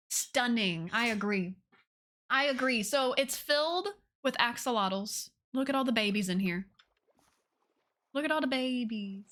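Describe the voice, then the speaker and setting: Hosting a casual game livestream, a woman with a fairly high, very bright voice gushes with enthusiasm. Her talk is informal, she often repeats phrases, and she calls her viewers y'all.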